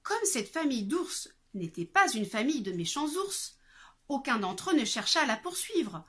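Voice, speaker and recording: A woman reading a fairy tale aloud as a storyteller, in an expressive read-aloud manner. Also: high voice, normal speed, husky. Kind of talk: storybook narration.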